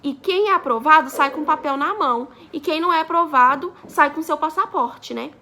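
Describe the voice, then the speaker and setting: Bright, high-voiced young woman vlogger. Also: moderate pace. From Brazil. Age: 20s. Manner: chatty, acts out quoted dialogue. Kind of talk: casual storytelling vlog.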